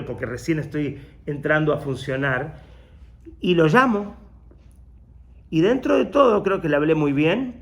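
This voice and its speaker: Man, rabbi, motivational workshop, lively storytelling, slightly high voice, acts out quoted voices. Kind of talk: personal story in a motivational talk.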